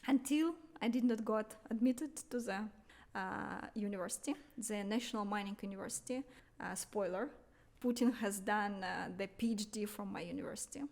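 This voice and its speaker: In a conversational podcast interview, a marketing entrepreneur in her thirties from Siberia, Russia, talks in Russian-accented English with a mid-range, gravelly yet slightly mellow voice. She keeps a moderate pace with hardly any pauses, sounding earnest and emphatic with light laughs.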